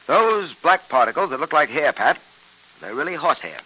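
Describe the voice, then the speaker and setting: A man playing a calm, clever police detective on an old radio show, explaining things patiently and with self-assurance. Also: on the high side, normal speed, slightly rough, heavily acted, rough recording. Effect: old radio show broadcast. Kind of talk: 1940s radio acting.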